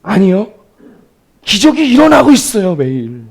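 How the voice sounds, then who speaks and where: High, lively-voiced Korean pastor. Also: male voice, normal speed, vocal fry, husky. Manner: swings from soft storytelling to loud emphatic exclamations; addresses congregation directly, asks rhetorical questions. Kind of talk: sermon.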